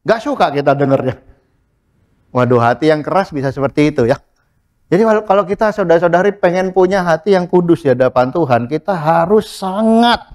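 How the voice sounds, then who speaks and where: A middle-aged man preaching in a church with a high, light voice. He talks lively and casual, slips English words in and acts out the people he quotes. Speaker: pastor. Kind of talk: sermon.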